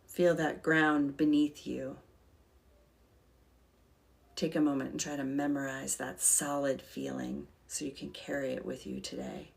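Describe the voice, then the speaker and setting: A woman with a low voice leads a calm grounding meditation at a slow pace. Her delivery is gentle and soothing, with a crackle of vocal fry and long pauses between short phrases. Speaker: guided meditation leader.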